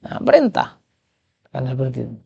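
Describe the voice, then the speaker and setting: A man's voice: medium pitch, wildly swooping pitch, normal speed, creaky, a little mellow, slightly rough, no room sound, muffled recording. A man with a Javanese accent teaching Islamic jurisprudence, reading and translating an Arabic text and quizzing his listeners with rhetorical questions.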